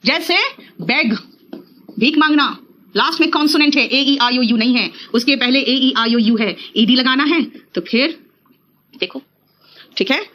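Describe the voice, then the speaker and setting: High-voiced Indian woman teaching English. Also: highs cut off. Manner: explains briskly, addressing students as beta. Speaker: English teacher for competitive exams. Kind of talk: online exam-prep lecture.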